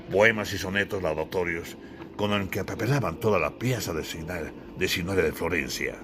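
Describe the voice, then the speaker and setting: An author with a deep voice reads his own scripted audiobook in a solemn, literary, declamatory style. Music plays in the noisy background.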